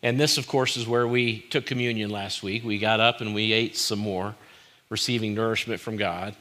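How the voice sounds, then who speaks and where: A man's voice: fairly low pitch, steady tone, moderate pace, sharp tone. A male pastor preaching a sermon in short, repeated phrases for emphasis, with informal asides.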